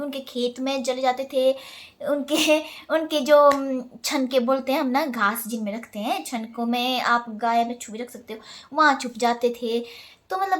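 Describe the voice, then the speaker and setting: A young woman speaks straight to her followers in a relaxed question-and-answer vlog. She tells stories in a chatty, animated way, laughs often and drops in English phrases. Her voice sits high. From Himalayan India. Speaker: vlogger. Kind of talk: casual Q&A vlog.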